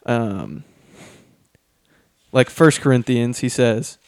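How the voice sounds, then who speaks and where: A man's voice: medium pitch, expressive, slow pace, a little mellow, clear, resonant tone, no echo, clean studio sound. A man co-hosting a casual podcast, reading Bible passages aloud between many ums and restarts, a little out of breath. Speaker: podcast co-host.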